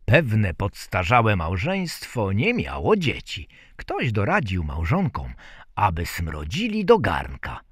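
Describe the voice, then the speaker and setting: A man reading a folk tale aloud in a lively storytelling manner. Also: fairly low pitch, slow, slightly rough, dry recording, studio quality. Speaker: narrator.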